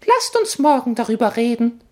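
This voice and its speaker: A man's voice: very high-pitched, sing-song, normal speed, mellow, voice pushed up. A man voicing a smug, overly polite talking baby who knows it all, in a storybook reading. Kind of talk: storybook narration.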